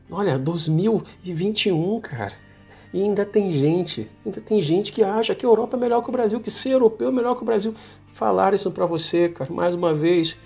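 A Brazilian vlogger in his forties delivers an informal, emphatic opinion monologue to camera from a small home office. His speech is colloquial and slangy, and his voice is fairly high, darkish and husky.

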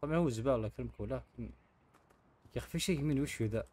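A man's voice: medium pitch, rapid-fire, darkish tone. A man hosting his gaming channel, chatting casually to viewers while he plays. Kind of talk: casual game commentary.

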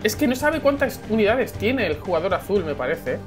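A woman with a Spain Spanish accent giving excited game commentary, repeating phrases and bursting into shouts, with music behind her. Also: mid-range voice, normal speed. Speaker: esports caster.

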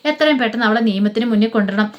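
A woman telling a story in a casual, run-on way, reading the characters' quoted lines flatly as reported speech. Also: a little high, racing, lo-fi sound. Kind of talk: rapid casual retelling of a serial's plot.

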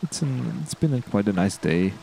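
A man's voice: fairly low pitch, lively intonation, normal speed, creaky, dark tone, a little hiss or hum. A man hosting a video game let's play, chatting casually and rambling, tripping over his words in a giddy, upbeat mood. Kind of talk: casual gameplay commentary.

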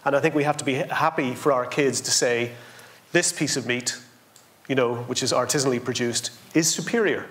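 A man's voice: medium pitch, brisk, fairly bright tone. An older man, making emphatic points on a conference panel and repeating words for stress. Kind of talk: panel discussion. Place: indoor conference stage.

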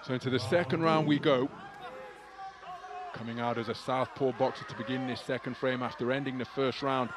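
A man's voice: mid-range voice, fairly even intonation, a little fast, noisy background. A man giving live boxing commentary, fluent and articulate play-by-play with vivid wording.

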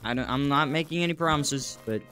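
His voice sits on the high side and runs a little fast, with faint music behind it. This young streamer chats casually with his audience during a live VR game, responding to viewers between moves, using a desk mic and a VR headset.

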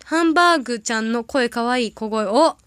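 A young woman with a bright, high voice chats casually to her livestream audience. She rambles through stories and reacts quickly to comments. The sound is dry, with no room echo. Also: clear, resonant tone. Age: young adult. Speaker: idol audition candidate livestreaming. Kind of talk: casual livestream chat reading viewer comments.

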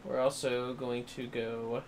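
A man with a creaky, mid-range voice and little pitch movement speaks at a measured pace, with slight background noise. He hosts a relaxed gaming stream from home, murmuring to himself and bantering with viewers.

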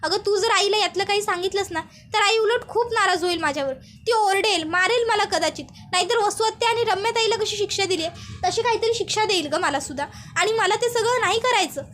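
A woman voicing a remorseful, anxious young college student who pleads and apologizes, in a very high voice. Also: brisk, fairly bright tone, slight background noise. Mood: pleading.

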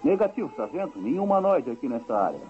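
A man dubbing an ape soldier on sentry duty, answering briskly over a two-way radio in a cartoon. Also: mid-range voice, sing-song, warm tone. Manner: brisk military report. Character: ape soldier sentinel on patrol. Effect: heard over a two-way radio. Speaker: sector sentry. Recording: muffled lo-fi radio, music behind.

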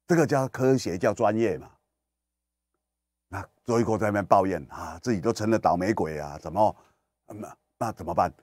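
Male talk radio host, ranting and sarcastic, swinging pitch, dry close sound. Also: dry recording. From Kinmen, Taiwan. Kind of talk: political commentary radio talk.

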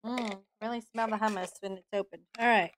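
A middle-aged woman giving a casual product review to camera, speaking informally and haltingly into a desk microphone. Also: mid-range voice, fairly even intonation, a little hiss or hum. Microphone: desk microphone close in front, seen.

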